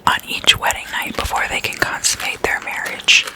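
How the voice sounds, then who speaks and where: An ASMR host whispers close to the microphone in an unvoiced, breathy way, telling stories casually and softly repeating words at a moderate pace.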